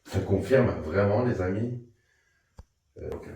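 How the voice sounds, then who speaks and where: A man investigating an abandoned manor, murmuring remarks and then calling out loudly to spirits. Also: on the low side, slow pace, slight background noise. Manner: hushed remarks broken by loud calls to spirits. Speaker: paranormal investigator. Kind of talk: live ghost-hunting commentary. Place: large abandoned manor indoors. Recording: echoey, off-mic in empty rooms.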